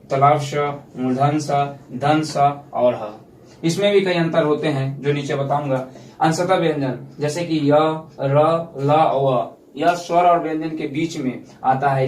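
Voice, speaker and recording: A man's voice: on the high side, a little hiss or hum. A male school teacher giving a classroom grammar lesson, explaining step by step and repeating his points. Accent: Hindi speaker from India. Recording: echoey room from far off.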